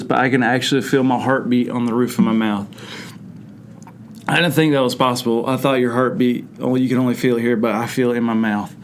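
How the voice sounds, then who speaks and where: A young man hosting a youth ministry video, dramatically complaining and coughing through a spicy food challenge. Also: mid-range voice. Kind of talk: casual hot-sauce challenge banter. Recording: noisy room background.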